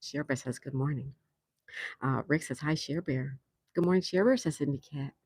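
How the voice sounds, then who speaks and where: Deep and husky, a little mellow, at a normal speed: that's the voice of an older woman from New York running a relaxed patio livestream. She chats, reads out viewer comments and laughs often, with no room sound in the recording.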